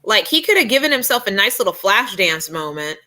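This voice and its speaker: A woman co-host with a bright, ringing voice talks in blunt, emphatic bursts. Her casual podcast chat has a sarcastic edge, and she hammers her points home. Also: mid-range voice, very animated, brisk.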